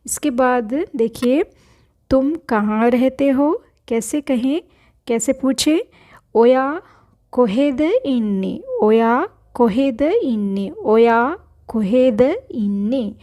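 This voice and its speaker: A woman's voice: fairly high pitch, warm tone. A woman teaching a spoken language lesson, patiently repeating each word and correcting pronunciation.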